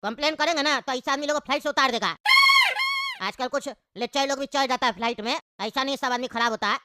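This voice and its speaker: A woman's voice: high-pitched, fast talker, heavy background noise, lightly acted. A woman voicing a son who fusses over his sick father on the phone and scolds a rude passenger. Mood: advising. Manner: fussing, advising, scolding. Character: fussy caring son on the phone. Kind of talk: comic cartoon voice acting.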